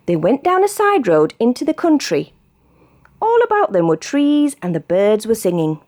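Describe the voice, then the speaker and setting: With wide swoops in her mid-pitched voice, a British woman gives an animated, highly expressive reading of a picture book meant for young children, keeping a moderate pace.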